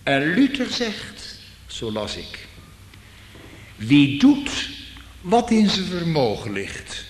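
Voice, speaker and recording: A man preaching a sermon as pastor, slow and deliberate, swelling into fervent near-shouts. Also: fairly high pitch, wildly swooping pitch. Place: church. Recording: reverberant church, ambient noise.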